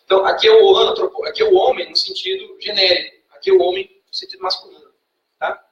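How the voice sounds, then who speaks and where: Brazilian man teaching, lively high voice. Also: fast talker, vocal fry, distant mic, highs cut off. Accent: Brazilian Portuguese. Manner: patient, quizzes the class, ends phrases with a checking "tá?". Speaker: Greek language teacher. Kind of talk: classroom lecture. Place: classroom. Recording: echoey classroom recorded from afar.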